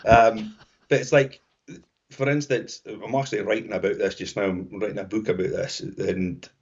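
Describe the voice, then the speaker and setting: A man's voice: on the low side, steady tone, normal speed, breathy edge. Lo-fi Scottish man, reflective chat. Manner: reflective, trailing restarts. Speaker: podcast co-host. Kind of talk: casual conversation. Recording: dull lo-fi sound.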